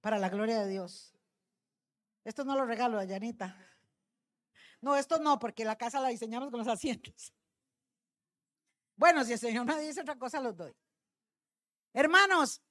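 High-voiced woman preaching testimony. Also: normal speed, pauses often, a bit bright. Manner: storytelling, addresses congregation as brothers. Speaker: pastor's wife preaching. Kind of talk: testimony sermon.

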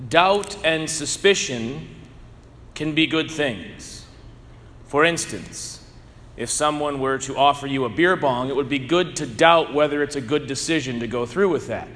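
Priest with bright voice in cathedral echo. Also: male voice, medium pitch, slight background noise. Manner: slow, measured reading that turns earnest and emphatic in preaching. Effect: cathedral echo, long church reverb. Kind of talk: gospel reading and homily. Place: large church. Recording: echoey church with long reverb.

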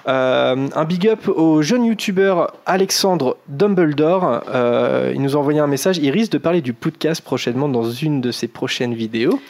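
A man co-hosting a fan podcast, reading listener messages in a chatty, relaxed way, full of fillers and restarts. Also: fairly high pitch, moderate pace, hardly any pauses. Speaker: podcast co-host. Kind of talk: casual podcast chat.

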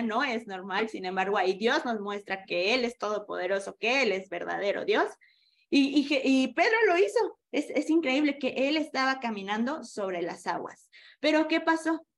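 A woman leading an online women's Bible study, teaching with animation and asking her listeners questions over a video call. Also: a little high.

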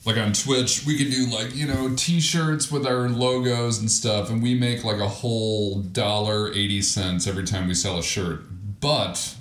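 A man with a fairly low voice co-hosts a laid-back podcast chat. He rambles and restarts his sentences, laughing easily. The sound is roomy and echoey. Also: fairly even intonation, a little slow, a bit bright. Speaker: podcast co-host. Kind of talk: casual chat.

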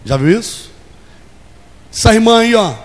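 A man's voice: high-pitched, animated, a little slow. A man in his forties preaching a sermon in a church, leading call and response and acting out little scenes. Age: 40s. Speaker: pastor. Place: church hall. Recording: long hall reverb.

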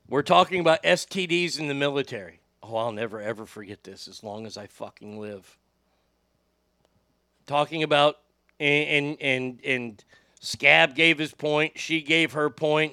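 This middle-aged male radio host has a high, bright voice with little bass and a gravelly edge, and he spins profane stories in a loose, lively way for a casual storytelling podcast. The recording is close and dry, with no echo or sense of a room.

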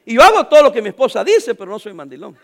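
A man preaches in church with a strikingly high voice. He swings from loud, pressing lines down to quiet ones and jokes with the congregation. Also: sing-song, quick pace. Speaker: pastor. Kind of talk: sermon.

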